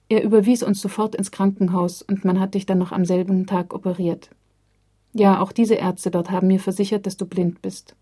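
A woman reading a story aloud in a calm, even storytelling manner, speaking the dialogue quietly. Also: mid-range voice, breathy edge. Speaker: narrator. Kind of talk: audiobook reading.

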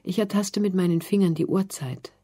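A woman reading the part of a calm, self-assured young girl who patiently explains things in a storybook. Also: fairly low pitch, moderate pace, slightly rough.

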